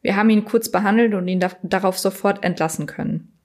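A woman's voice: mid-range voice, fast, darkish tone, lightly acted. A woman reading as a cheerful nurse. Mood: reassuring. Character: cheerful female hospital nurse, reassuring.

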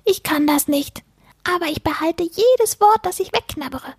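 High-pitched lisping furry book eater, gushing over words, woman putting it on, dry close sound. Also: expressive, normal speed, dry recording. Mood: chatty. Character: excitable lisping furry little male book-eating creature.

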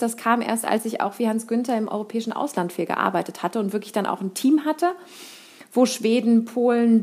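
A woman's voice: on the high side, a little mellow. A woman from Berlin speaking as a podcast guest, enthusiastic and casual. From Berlin, Germany. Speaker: guest, lead candidate. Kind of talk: conversational podcast talk.

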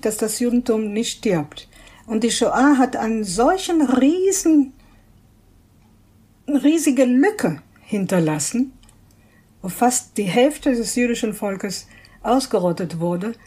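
Earnest older woman, husky, mellow. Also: a little high. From Israel. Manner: earnest, searching for words with restarts. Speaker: interview guest, prayer leader. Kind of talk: thoughtful interview answers.

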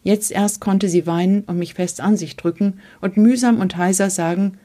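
A woman reading a memoir aloud in a measured, earnest storytelling manner. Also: mid-range voice, fairly even intonation, warm tone. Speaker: reader.

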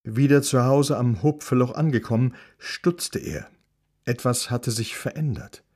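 Calm German man narrating an audiobook. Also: medium pitch, unhurried.

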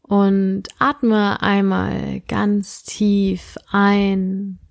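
A woman narrating a soothing sleep meditation like a bedtime guide, in a gentle, unhurried manner with drawn-out phrases. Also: mid-range voice, level tone, gravelly, dry recording, clean studio sound. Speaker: podcast host and meditation guide.

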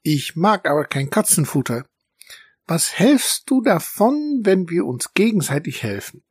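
A man's voice: big pitch swings, unhurried, a little mellow, breathy edge, no echo, studio quality, exaggerated voice. A man voicing a small, cheeky and clever male mouse in a children's story, raising his voice to sound small and impish. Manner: giggly, cheeky, higher storybook voice.

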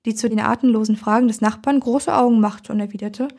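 A woman reading a first-person story aloud in a calm, measured storytelling manner. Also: fairly high pitch, vocal fry. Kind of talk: first-person audiobook narration.

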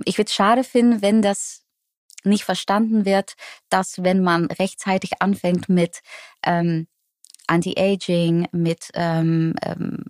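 A woman's voice: fairly low pitch, a little mellow, no room sound, clean studio sound. A Dutch woman in her forties with a Dutch accent, speaking German as a guest in an interview, often hesitating with fillers and restarts. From Netherlands. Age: 40s. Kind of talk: conversational interview.

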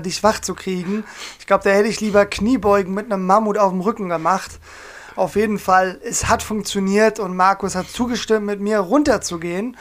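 A young man co-hosting a podcast, telling a story in a lively, joking way and acting out quotes. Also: sits high. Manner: animated storyteller, acts out quotes, laughs often. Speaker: podcast co-host. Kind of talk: casual storytelling chat.

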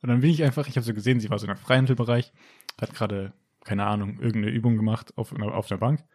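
Animated young man telling a story. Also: very fast, no echo. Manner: animated storyteller acting out quotes with jumps in pitch. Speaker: podcast co-host telling a story. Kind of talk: casual chat.

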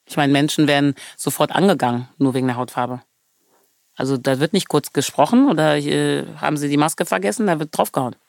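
Woman, interview guest, gravelly fry, emphatic and passionate, repeats words, dry close recording. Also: sits low, brisk, darkish tone, no room sound. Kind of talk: earnest interview conversation.

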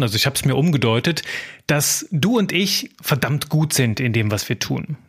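A man's voice: on the high side, a bit bright. A man hosting a podcast, narrating a story and then talking earnestly and directly to the listener. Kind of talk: story narration and casual self-help talk.

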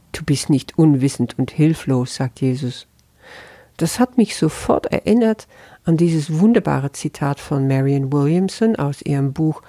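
Gravelly, dark-voiced spiritual teacher. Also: mid-range voice, no echo. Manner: conversational, asks the listener questions. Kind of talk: spiritual lesson commentary.

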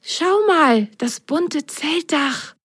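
A woman voicing a tiny, wide-eyed sock in a storybook, speaking high and breathless with wonder. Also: expressive, very slow, a bit bright, no room sound, studio quality, exaggerated voice. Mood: amazed.

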